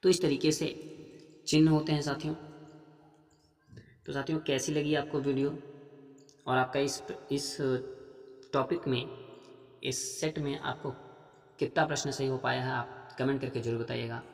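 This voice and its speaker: A man preparing students for a police exam works through Hindi grammar practice questions in a Jharkhand accent, treating viewers as friends and repeating "theek hai" with patience. His mid-range, gravelly voice is flat and moderately paced with frequent pauses, sounding roomy in a large hall.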